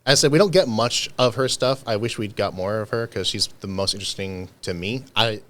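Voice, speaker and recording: A man co-hosting a podcast in casual chat, relaxed and laughing often. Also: lowish voice, fairly quick. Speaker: podcast co-host.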